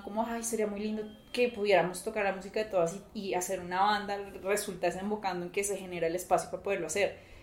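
A Colombian woman gives a reflective interview in an articulate, wordy, explanatory way. Her voice is mid-pitched, and the room around it rings with echo. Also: slight background noise. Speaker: musician in a women's collective. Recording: echoey, reverberant room.

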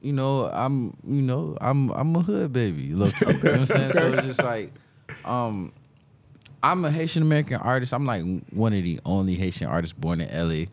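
A man's voice: medium pitch, very animated, normal speed. A man in his thirties from South Florida, a musician guest talking casually in an interview, laid-back and given to repeating himself.

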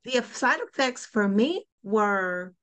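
A woman's voice: mid-range voice, lively intonation, slow, a bit bright. Reflective woman hosting a podcast. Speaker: podcast host. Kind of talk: casual interview chat.

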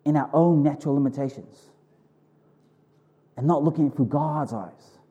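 Mellow-voiced Antipodean man preaching informally. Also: on the high side, moderate pace, muffled recording. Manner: informal, conversational, with emphatic repetition. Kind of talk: sermon to a congregation.

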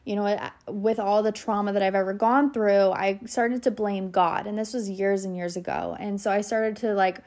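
A woman's voice: medium pitch, fairly even intonation, a little mellow. A woman working at a salon, telling a story to her viewers in a chatty vlog, with many fillers and asides. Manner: chatty, fast, with many "like" and "you know" fillers; talks straight to viewers. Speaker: salon worker.

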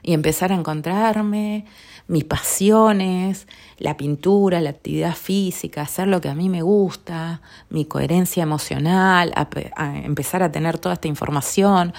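Soft-spoken low Rioplatense woman. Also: normal speed, gravelly. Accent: Rioplatense Spanish. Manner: soft, earnest, often dropping to a near whisper. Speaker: podcast host. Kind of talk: reflective personal talk.

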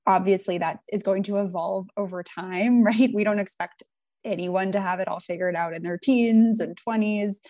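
A woman's voice: medium pitch, steady tone, moderate pace, warm tone. A woman with a mid-range voice speaks as a panelist. She gives thoughtful, earnest advice in an easy conversational style. The sound is dry, with no room echo.

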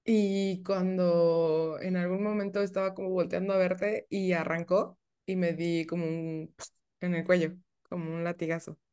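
Young woman, podcast co-host, calm and careful in explaining. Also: lowish voice, measured pace, clean tone. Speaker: podcast co-host, older sister. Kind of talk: casual conversation.

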